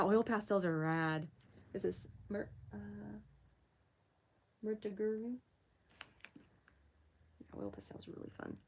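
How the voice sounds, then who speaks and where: A young woman hosting a casual art livestream, chatting with viewers as she works, giggling often and jumping up high to greet people. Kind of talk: casual livestream chat while drawing.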